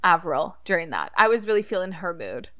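A woman's voice: on the low side, big pitch swings, a little fast, a crowd in the background. A young woman co-hosting a podcast in casual chat, talking in a Valley Girl manner. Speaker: podcast co-host.

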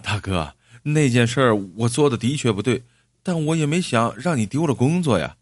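A man's voice: lowish voice, a little fast, no echo, studio quality, lightly acted. A man voicing a nervous young migrant worker who stammers and pleads apologetically. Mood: nervous pleading.

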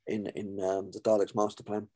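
A man as a guest on a casual podcast, chatty and quick to correct, swearing freely. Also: fairly low pitch, flat delivery, mellow.

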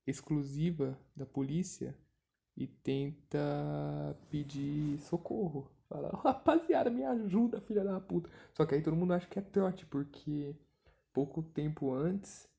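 Gravelly Brazilian guy, rambling profane recap. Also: medium pitch, warm tone. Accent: Brazilian Portuguese. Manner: rambling, slangy, swears freely. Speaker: movie retelling vlogger. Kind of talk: casual profane movie recap.

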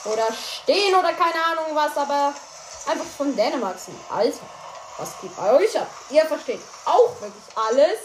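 Excitable and quick to cry out at each goal or miss, this high-voiced woman commentates her own gameplay as a streamer and chats with her listeners on the side. The room is echoey, and steady background noise is clearly audible beneath her.

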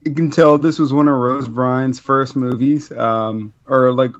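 A man co-hosting a podcast, chatting casually about a movie in a rambling way, full of fillers and quick laughs. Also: mid-range voice, steady tone, lo-fi sound. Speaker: podcast co-host. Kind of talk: casual movie review chat.

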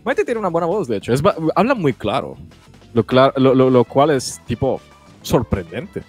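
A man's voice: medium pitch, big pitch swings, moderate pace, darkish tone, slightly rough. A man chatting casually as a guest co-host of a live stream, laughing a lot and stammering, with faint music in the background. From Italy. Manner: chatty, laughs often, stammers and repeats words.

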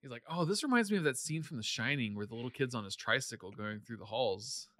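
Male co-host, casual chat, bright tone, dry close sound, loose rambling delivery. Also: medium pitch, lively intonation, quick pace, no room sound. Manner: rambling, many fillers and restarts. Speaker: podcast co-host discussing a novel.

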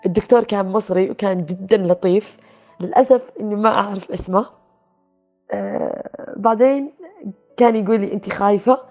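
A woman recounting a personal experience in a soft, reflective way, with pauses and restarts. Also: medium pitch. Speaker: guest telling her story. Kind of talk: personal storytelling. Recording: dull lo-fi sound with faint music.

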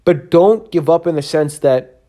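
A man's voice: fairly high pitch, a little slow, mellow. A man hosting a solo podcast, talking in an earnest, rambling way with many fillers and restarts, tired and yawning. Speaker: podcast host. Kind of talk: casual solo podcast monologue.

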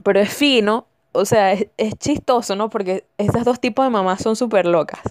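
A woman's voice: medium pitch, normal speed, a little mellow, dry recording, clean studio sound. A young woman with a Venezuelan accent, hosting a podcast and telling stories in a chatty way, repeating words for emphasis. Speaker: podcast host. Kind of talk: casual storytelling monologue.

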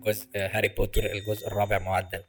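A man with an Egyptian accent, deadpan and teasing as a fake producer on a prank call. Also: on the low side, racing, music in the background. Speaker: prank caller posing as producer.

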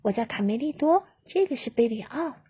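A curious and polite little chick, as a woman puts it on for a storybook, eager and wide-eyed. The voice is high and breathy. It sounds close and dry. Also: animated, fairly quick, mellow, no echo. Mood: amazed. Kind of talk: storybook reading.

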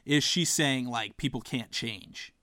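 A man hosting a casual podcast panel, playful and quick to joke around. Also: medium pitch, pushed and bright, no room sound, clean studio sound. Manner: playful, bursts into singing. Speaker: podcast host.

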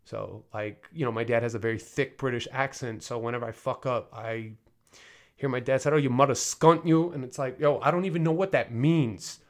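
A man in his thirties speaks candidly as a podcast host, in a loose, rambling monologue. He talks in a middle pitch and keeps correcting himself and filling pauses as he goes. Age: 30s. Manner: candid, rambling, frequent fillers and self-corrections. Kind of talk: casual personal monologue.

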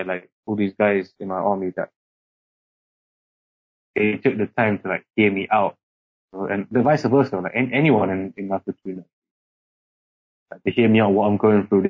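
A young man raised in Singapore appears as a podcast guest, chatting casually in British English that code-switches from Singaporean speech. His fairly low, husky voice rambles along, packed with filler words. The podcast audio is muffled and lo-fi.

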